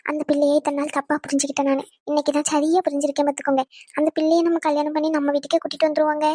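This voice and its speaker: [name], woman doing a scheming high bride. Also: flat delivery, very fast, no room sound, clean studio sound, close to an everyday voice. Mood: sweet-talking. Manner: sweet-talking, sharp-tongued. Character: scheming young bride who fakes tears. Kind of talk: cartoon voice acting.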